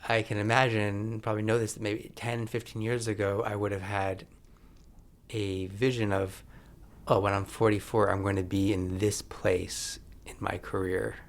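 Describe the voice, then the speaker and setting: A man in his forties, a film director talking as a podcast guest, thoughtful and searching, with pauses and restarts. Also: on the low side, flat delivery, vocal fry. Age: 40s. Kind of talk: reflective conversation.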